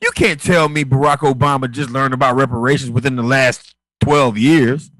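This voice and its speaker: A man's voice: medium pitch, steady tone, moderate pace, a bit bright, no echo, low-quality recording. A man co-hosting a casual political chat show, ranting emphatically with lots of repetition. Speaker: co-host.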